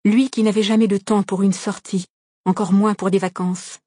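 A woman reading a novel aloud as an audiobook narrator, calm and measured, recorded on a close studio microphone. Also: medium pitch, dry recording. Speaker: audiobook reader.

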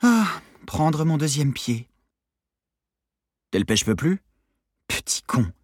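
A man's voice: on the high side, sing-song, moderate pace, breathy edge, no echo, clean studio sound, pitched above the performer's own voice. A man voicing a teasing, sarcastic young woman in an audiobook reading.

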